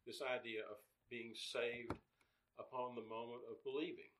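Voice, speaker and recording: A man co-hosting a radio talk show on scripture, explaining his points in a measured way. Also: medium pitch, flat delivery, noisy background.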